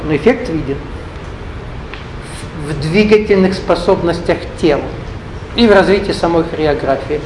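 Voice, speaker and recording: Lecturing to a live audience, a Russian-speaking spiritual teacher, not Ukrainian, wanders from point to point, tosses in asides and jokes, and questions the listeners. His voice is notably high. The hall's faint hum lingers behind him in an echoey recording.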